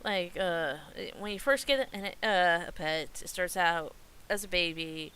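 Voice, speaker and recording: A woman live streamer giving casual game commentary in a hesitant, halting way, often searching for words. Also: on the low side, a bit bright, slight background noise.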